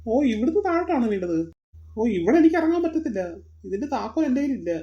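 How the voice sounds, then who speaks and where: A woman voicing a grumbling, peevish male zoo worker in a cartoon, with a husky voice. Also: high voice, sing-song, quick pace, mellow, muffled recording, heavily acted. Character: grumpy lazy male zoo worker, adult. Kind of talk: cartoon voice acting.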